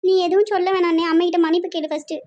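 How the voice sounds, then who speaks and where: A woman voicing an indignant young sister with a Tirunelveli Tamil accent, sharp and scolding. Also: very high voice, steady tone, very fast. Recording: muffled lo-fi.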